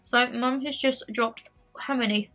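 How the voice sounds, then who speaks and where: A young woman vlogs from home, chatting casually to the camera and rambling a bit while repeating phrases. Her voice is fairly high, bright and steady, a little slow, and sounds slightly nasal and stuffy because she has a cold. Soft music plays in the background.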